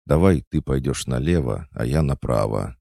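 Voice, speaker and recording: A man's voice: very deep voice, lively intonation, normal speed, gravelly, warm tone, no room sound, clean studio sound, exaggerated voice. A man voicing an eager, helpful young male student who heads a cooking club, in an audiobook. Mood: casual.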